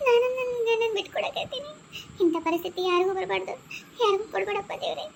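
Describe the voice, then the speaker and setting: A woman's voice: extremely high pitch, steady tone, fairly quick, soft background music. A woman with a North Karnataka accent voicing a tearful, self-sacrificing young wife in a cartoon, pleading and sorrowful. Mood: grieving. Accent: North Karnataka Kannada. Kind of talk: cartoon voice acting.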